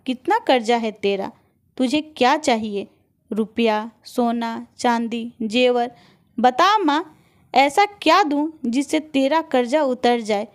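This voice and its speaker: Give me a hot-tempered grown son, read by a woman in a storybook, voice climbing sharply. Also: on the high side.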